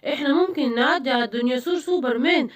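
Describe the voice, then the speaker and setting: Woman voicing a gentle cartoon Spider-Man. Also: sits high, rapid-fire, lightly acted. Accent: Egyptian Arabic. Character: helpful male superhero spider-man.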